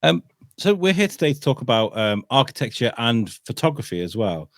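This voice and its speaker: A man's voice: mid-range voice, very animated, a little fast, fairly bright tone, no room sound, studio quality. A man hosting a podcast in casual interview chat, hesitant, with many ums and restarts. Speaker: podcast host.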